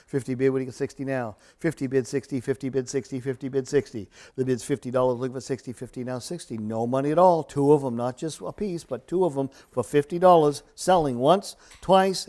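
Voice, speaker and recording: A man's voice: mid-range voice, brisk, few pauses, darkish tone. A man working as an auctioneer, calling live bids in a repetitive, rhythmic chant with a casual, folksy way about him.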